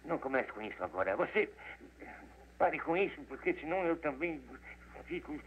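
An actor dubbing an exasperated, worried business partner in an old film, pleading. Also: male voice, a little high, sing-song, normal speed, slight background noise. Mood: agitated. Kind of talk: 1940s Brazilian Portuguese film dub. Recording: dull old film dub.

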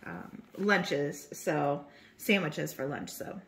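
A woman's voice: low voice, takes it slowly, slight background noise. A woman co-hosting a casual grocery haul in a home kitchen, chatty and filling in with lots of "um"s as she lists the items. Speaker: channel co-host.

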